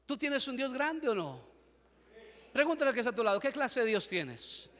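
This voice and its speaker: Fervent high-voiced Ecuadorian preacher. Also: male voice, big pitch swings, moderate pace. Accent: Ecuadorian Spanish. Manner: fervent, dramatic storytelling with rising shouts. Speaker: pastor. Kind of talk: sermon. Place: church hall. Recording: echoey church hall.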